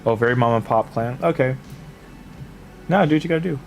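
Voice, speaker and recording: Soft background music plays as a man with a gravelly, medium-pitched voice streams a game late at night, speaking fairly quickly. He meanders through relaxed advice to his viewers, full of fillers, and sniffles from a cold he's getting over.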